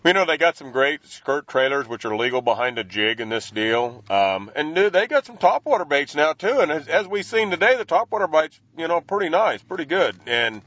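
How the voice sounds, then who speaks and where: A man's voice: fairly high pitch, very animated, fairly quick, hardly any pauses, fairly bright tone, dry recording, muffled recording. Folksy man chatting, dry close sound. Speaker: professional angler, interview guest. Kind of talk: casual chat, informal explaining.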